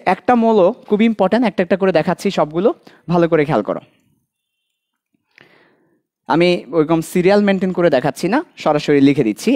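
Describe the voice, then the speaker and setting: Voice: medium pitch, darkish tone. A teacher with a Bangladeshi accent giving an online admission-prep chemistry lesson. The teacher repeats key points, quizzes students directly and adds light jokes. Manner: light joking asides.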